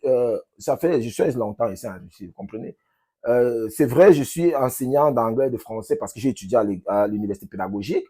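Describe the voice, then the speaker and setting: Husky Cameroonian man, slightly high voice. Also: a little mellow. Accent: Cameroonian French. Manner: emphatic, repeats phrases, halting with restarts. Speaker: vlogger, language teacher. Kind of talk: casual talk to camera addressed to subscribers.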